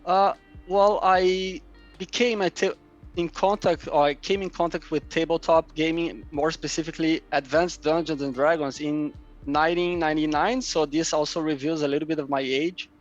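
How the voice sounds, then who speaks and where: This guest is a map publisher from Brazil, a man in his thirties whose first language is Portuguese and who speaks with a Brazilian accent. In the relaxed conversation his somewhat high voice stays fairly even at a moderate pace, and he frequently repeats words as he hunts for the right ones. The audio is dull, with gentle background music.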